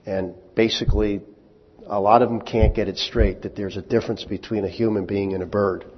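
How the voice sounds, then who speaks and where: Brisk and steady in tone, a pastor with a fairly low, slightly rough voice preaches conversationally, asking his congregation rhetorical questions and lifting his voice on scripture quotes. The audio is dull and lo-fi, with a long hall reverb.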